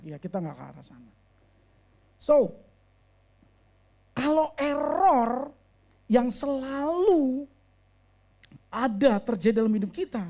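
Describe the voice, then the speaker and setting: A pastor and therapist preaches a sermon while speaking as a therapist, mixing English phrases into his speech. To stress a point he slows down and raises his voice, and for serious moments he drops low and quiet.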